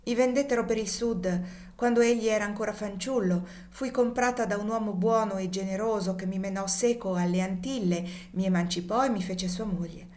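A woman's voice: medium pitch, a little fast, darkish tone, natural voice. A woman reading the part of an anxious, emotional French lady in an audiobook, with an earnest, pleading delivery. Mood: telling.

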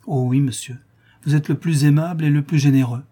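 A man's voice: a little high, steady tone, a little fast, dark tone, husky. A man reading a chatty, obliging manservant. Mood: cheerful. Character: eager, chatty young male servant.

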